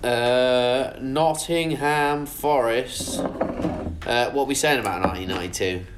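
A man's voice: medium pitch, normal speed, noisy background. A man, hosting a podcast and running a casual football quiz, keeping score and teasing the players. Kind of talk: casual pub quiz banter.

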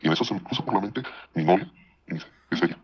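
A man with a Mexican accent rattles through a personal story at a breakless clip, his voice very low and husky. The sound is dull and lo-fi. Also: lively intonation. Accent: Mexican Spanish. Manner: rapid, conversational, slips into voices for quoted people. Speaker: guest telling a personal story. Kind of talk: casual storytelling on a podcast.

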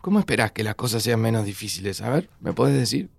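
A man's voice: lowish voice, sing-song, quick pace, creaky, slightly rough, dry recording, full character voice. An actor playing a grieving young man with a Rioplatense Spanish accent, tense and sarcastic. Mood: bitter. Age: young adult. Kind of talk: audio drama acting.

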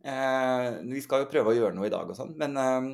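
A man's voice: medium pitch, darkish tone. A young man co-hosting a podcast, telling a story in casual chat and acting out the quoted lines with animation. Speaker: podcast co-host.

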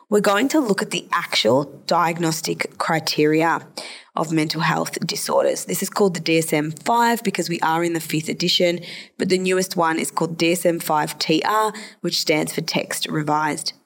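A woman psychologist explains a topic on her solo podcast, sounding a bit hoarse and nasal because of a sore throat. Her voice sits low, and she keeps a moderate pace.

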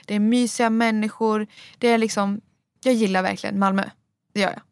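A woman's voice: medium pitch, fairly even intonation, no room sound. Chatty young woman, dry close sound. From Sweden. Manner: talkative, emphatic, earnest. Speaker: podcast co-host. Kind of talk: casual chat.

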